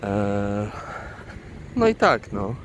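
Slow, flat, unenthusiastic man outdoors. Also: on the low side. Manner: flat, unenthusiastic, dry humor. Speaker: travel vlogger and guide. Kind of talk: casual vlog commentary while filming. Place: outdoors in a lakeside city park. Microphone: handheld camera mic, speaker off screen. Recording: outdoor camera audio with traffic noise. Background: city traffic and boat noise.

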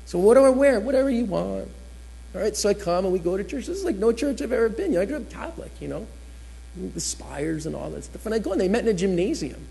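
A man's voice: high voice, big pitch swings, fast talker, vocal fry, mellow. A man from New Jersey preaching a sermon as a chatty personal story, acting out the people he quotes.

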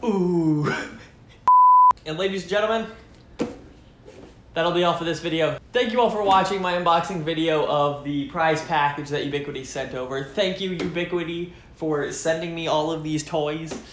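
A man's voice: a little high, moderate pace, echoey room, a little hiss or hum. A young man chatting casually to the camera from his living room couch, enthusiastic and thinking aloud as he unboxes tech gear. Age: young adult. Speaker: tech vlogger.

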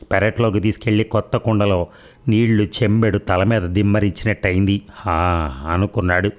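A man narrating a romance novel aloud, with steady storytelling that slows for the dialogue. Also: on the low side.

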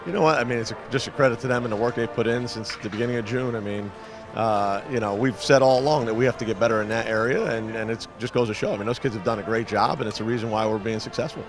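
A middle-aged head football coach giving a modest postgame interview on the field, full of fillers. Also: male voice, medium pitch, over music. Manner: fast, filler-heavy, modest answers. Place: outdoors on a football field at night. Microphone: reporter's handheld mic.

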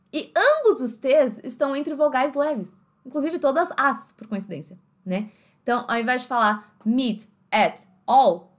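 A woman with a slightly high voice teaches English pronunciation in an easygoing, chatty way. She slows down for the example words and says each one several times over. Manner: demonstrates words by repeating them slowly. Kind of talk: casual language lesson.

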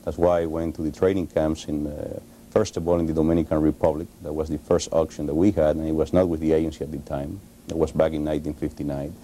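Very deep-voiced Cuban man, halting. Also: level tone, mellow, a little hiss or hum. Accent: Cuban Spanish. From Cuba. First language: Spanish. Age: 40s. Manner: halting, frequent uh pauses and restarts. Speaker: interview guest, author. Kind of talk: televised studio interview. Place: TV studio. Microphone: lapel.

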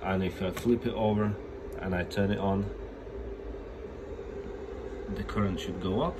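A deep-voiced phone repair technician who has a cold gives a casual hands-on demo at his indoor repair workbench, using a phone camera held over the bench. He's a little slow and steady, plainly explaining with some restarts, against a noisy background.

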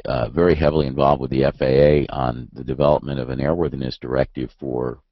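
Male webinar presenter, very low, gravelly and raspy from a cold, dry muffled audio. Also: dry recording. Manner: hesitant, many restarts and ums. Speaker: webinar presenter, aircraft maintenance expert. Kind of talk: webinar answer, explaining.

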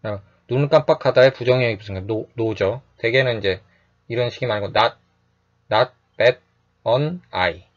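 Calm man teaching English phrases. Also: mid-range voice, muffled recording. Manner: calm, repeats phrases slowly, says "예" often. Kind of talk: lecture explaining sitcom phrases.

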